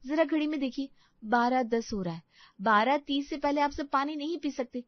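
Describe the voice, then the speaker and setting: A woman's voice: sits high, normal speed, no echo, pitched above the performer's own voice, natural voice. A woman voicing a mischievous young bride who teases in a sing-song way, in a dull, dry recording. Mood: teasing.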